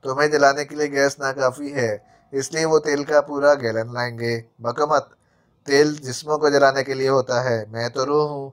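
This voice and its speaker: A man's voice: mid-range voice, steady tone, lightly acted. Brief: mocking, bloodthirsty female ghost in an audiobook, read by a man in his normal voice. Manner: taunting, sharp.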